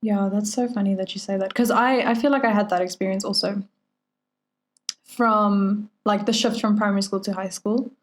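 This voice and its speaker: A woman's voice: mid-range voice, steady tone, moderate pace. A young adult woman from Venezuela, co-hosting a podcast in a laid-back, reflective way. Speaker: podcast co-host. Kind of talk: casual chat.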